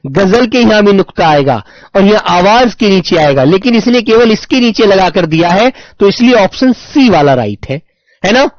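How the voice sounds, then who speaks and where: A man teaching an online exam-prep Hindi lesson, dictating slowly, repeating words and calling his students "my dear children". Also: high voice, lively intonation, no echo, highs cut off. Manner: slow, drawn-out dictation with many repetitions, addresses students as "my dear children".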